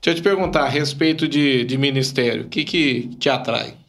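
A man's voice: mid-range voice, fairly quick, fairly bright tone. A man hosting a podcast, asking questions and encouraging his guest with short affirmations. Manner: encouraging, frequent affirming "uhum". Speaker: podcast host. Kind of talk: interviewing.

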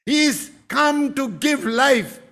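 High-pitched, slow-preaching pastor. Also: male voice, animated, a bit bright. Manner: emphatic preaching, breaks into exclamations. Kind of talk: sermon.

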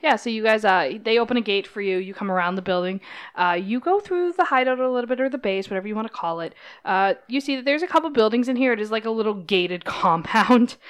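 A woman's voice: medium pitch, lively intonation, a little fast, clean tone. A woman narrating as game master, casual and giggly.

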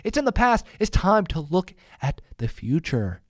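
A young man giving a casual, rambling opinion talk about baseball, animated and quick to laugh. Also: fairly high pitch, dry recording, studio quality. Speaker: sports podcaster.

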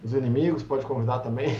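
A man hosts an online book club in a relaxed, chatty way, laughing easily and reading passages slowly. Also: mid-range voice. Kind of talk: casual live-stream chat. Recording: roomy, muffled lo-fi sound.

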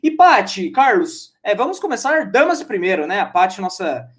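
A man's voice: high voice, big pitch swings, normal speed, fairly bright tone. A man with a Brazilian Portuguese accent hosting a casual sports podcast, chatty and jokey, often restarting and drifting off topic. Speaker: podcast host.

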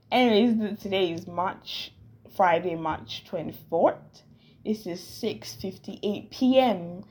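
Young woman rambling on her podcast, unhurried, chatty and a bit dramatic. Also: mid-range voice, slight background noise. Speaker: podcast host. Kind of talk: casual solo podcast chat.

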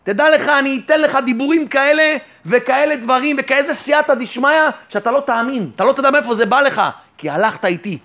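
A man with a strikingly high voice preaches a fervent sermon as a rabbi. He addresses the listener directly, firing off rhetorical questions and answering them himself. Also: hardly any pauses, a bit bright. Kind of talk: sermon on faith and trust.

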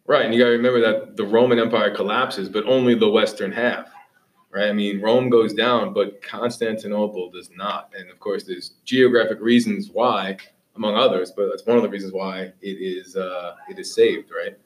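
A man's voice: lowish voice, fairly even intonation, moderate pace, distant mic, rough recording. A man teaching history conversationally, explaining step by step and checking in with tag questions. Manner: explanatory, checks understanding with "right?". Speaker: history teacher and show host. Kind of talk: conversational classroom lecture.

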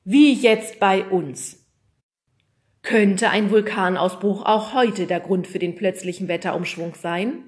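A woman's voice: mid-range voice, steady tone, moderate pace, hardly any pauses, lightly acted. Woman doing a zany TV weatherman. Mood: showy. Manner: exuberant, theatrical announcer tone. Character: zany male TV weatherman, showy and sporty.

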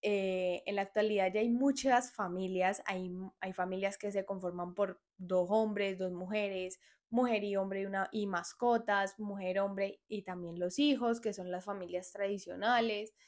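A woman's voice: medium pitch, fairly even intonation, a little slow, darkish tone. Frank young woman giving advice. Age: 20s. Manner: earnest, frank advice to listeners. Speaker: podcast host. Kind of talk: solo podcast monologue.

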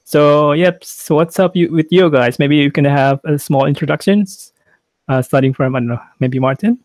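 A man's voice: fairly high pitch, normal speed, darkish tone, no echo. A man hosting a podcast in casual chat, stumbling over his words and laughing often. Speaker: podcast host.

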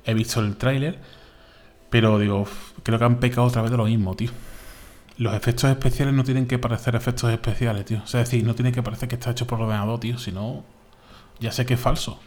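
A man from Spain with a Spain Spanish accent, co-hosting a podcast in casual, animated chat, full of fillers and repeats. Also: mid-range voice, fast talker. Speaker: podcast co-host.

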